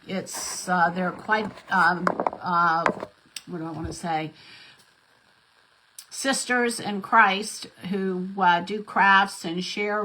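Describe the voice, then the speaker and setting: A woman's voice: mid-range voice, sharp tone, poor audio. A middle-aged woman, chatting casually as she hosts a craft live stream and greets viewers by name. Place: home craft desk.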